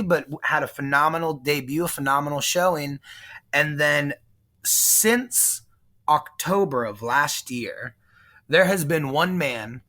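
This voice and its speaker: Playing the heel, this Texan wrestler brags and threatens in classic promo trash talk. He's a man with a slightly high voice that comes across bright and forced.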